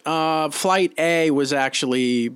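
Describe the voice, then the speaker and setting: A man's voice: a little high, takes it slowly, fairly bright tone, clear, resonant tone, no echo. Teasing man co-hosting a golf chat. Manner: teasing, gives playful clues. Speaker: co-host. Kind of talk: casual golf-picks chat.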